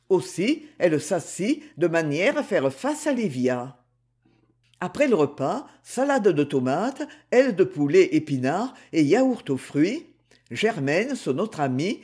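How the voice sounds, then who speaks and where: Husky, expressive male audiobook narrator. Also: a little high. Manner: expressive literary reading. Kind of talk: scripted narration.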